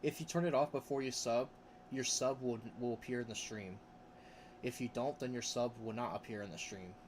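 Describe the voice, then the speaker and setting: A male streamer chats casually on a livestream, reading chat aloud, rambling with restarts and laughing often between thoughts. His tone is steady and his pace moderate, with a little hiss or hum in the audio. He remarks that his voice range is pretty high.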